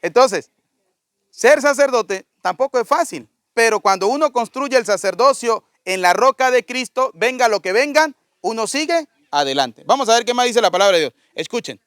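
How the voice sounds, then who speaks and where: High-voiced priest preaching. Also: male voice, lively intonation, moderate pace, a bit bright, clear, resonant tone, no echo, clean studio sound. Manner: conversational, asks the congregation questions. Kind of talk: sermon.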